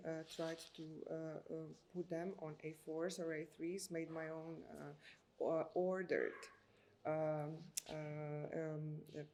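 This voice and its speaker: A woman in her thirties from Croatia with a Croatian accent, answering interview questions slowly and hesitantly, with many filler sounds as she searches for words. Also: on the low side, a little mellow, a little hiss or hum. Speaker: architect.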